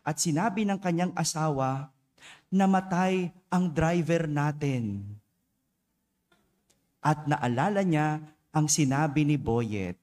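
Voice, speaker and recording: A male priest preaching a homily at a dawn mass in a church. His voice sits high for a man and he talks unhurriedly, telling a story step by step and pausing to ask the congregation to agree. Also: a little mellow. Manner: storytelling, checks in with the congregation with a tag question.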